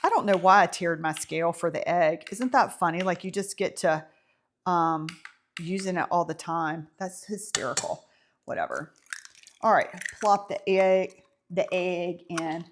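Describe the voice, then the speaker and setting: A woman with a warm Southern lilt talks through a bread recipe in a home kitchen. She is casual and chatty, fills gaps with ums, and teases herself about small slips along the way. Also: lowish voice, moderate pace, a little hiss or hum. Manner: chatty, self-amused, many ums. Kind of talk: casual baking tutorial.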